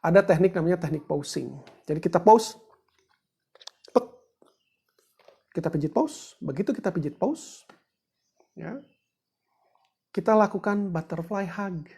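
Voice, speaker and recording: A woman's voice: fairly low pitch, moderate pace, vocal fry, long pauses, mellow, breathy edge. A woman giving a chatty, joking livestreamed teaching talk, greeting viewers and walking them through steps. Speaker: book discussion presenter.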